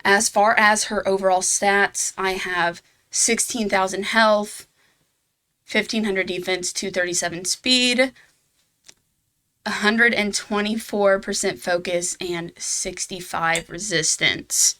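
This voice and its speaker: A woman's voice: mid-range voice, steady tone, slow, sharp tone. A woman hosting her own game guide video, talking casually and laughing at herself now and then. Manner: chatty, laughs at herself, fillers. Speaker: gaming channel host.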